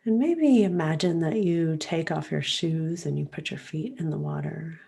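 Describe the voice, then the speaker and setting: A woman's low, slightly rough voice with vocal fry guides a meditation. The pace is unhurried and the tone soft, calm and soothing, with long pauses and a breath after each phrase.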